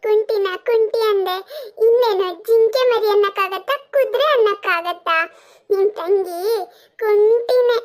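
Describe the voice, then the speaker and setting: A woman's voice: extremely high pitch, measured pace. A woman voicing a rude boy who mockingly teases another child in a cartoon. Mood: taunting. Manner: taunting, sneering.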